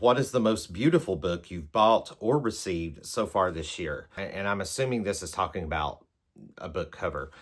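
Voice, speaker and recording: This man has a deep voice with a fairly bright tone. As a book reviewer vlogging to camera, he answers numbered prompts in a loose, casual way, wandering and hesitating as he goes.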